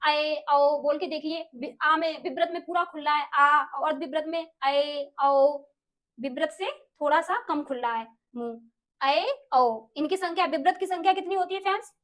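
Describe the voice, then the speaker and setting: A young woman teaching an exam-prep Hindi lesson, asking questions and answering them herself, repeating key terms and sounding out vowels slowly. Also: high voice, fairly bright tone. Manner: addresses viewers as friends, asks and answers own questions.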